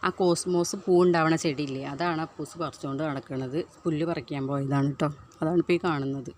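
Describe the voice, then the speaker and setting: A woman's voice: low-pitched, fairly even intonation, quick pace, a little mellow, a little hiss or hum. A housewife from Kerala chattily narrating her daily chores over a home vlog, tagging her sentences with "you know?"; she is recovering from a tooth extraction. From Kerala, India. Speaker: housewife vlogger.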